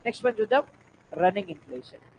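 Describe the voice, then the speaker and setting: A woman with a Telangana Telugu accent giving a classroom lecture on economics, quizzing her students and urging them to answer loudly, with English terms mixed into her speech. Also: mid-range voice, sing-song, very fast, dull audio, slight background noise. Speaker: economics teacher.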